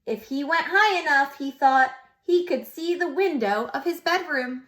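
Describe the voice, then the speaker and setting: A preschool teacher with a high voice reads a picture book aloud to young children. She is expressive and pauses to ask them questions.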